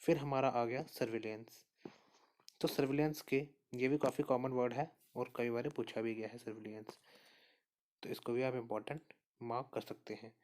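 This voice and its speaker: Male teacher, mid-pitched, steady and patient, talks through each answer and repeats the key points. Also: normal speed. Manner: steady explainer, repeats answers and says "okay" often. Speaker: exam prep teacher. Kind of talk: spoken lesson walking through quiz answers.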